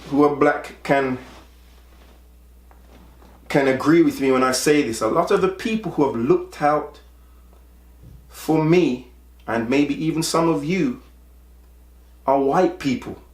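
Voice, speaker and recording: A man's voice: on the high side, reverberant. A man in his forties from Jamaica, talking earnestly about his own life and often repeating words as he presses a point. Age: 40s. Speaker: podcast host. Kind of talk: personal monologue.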